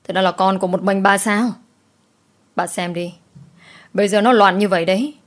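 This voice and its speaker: A woman's voice: mid-range voice, fairly even intonation, normal speed, close to an everyday voice. A woman voicing an angry old village chief who scolds his son harshly through gritted teeth. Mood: indignant. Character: stern furious old village chief father.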